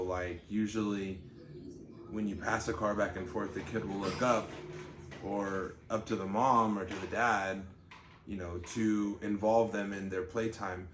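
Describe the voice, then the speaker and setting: Man, relaxed rambling co-host, low voice, echoey room. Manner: relaxed, rambling with many fillers. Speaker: channel co-host, parent. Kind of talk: casual chat. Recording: roomy with faint background noise.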